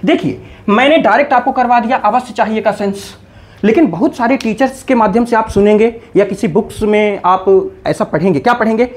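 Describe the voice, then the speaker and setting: A man teaching a video lesson, explaining grammar in an animated way and playfully scolding his students in jest. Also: high voice, a little fast. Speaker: English teacher.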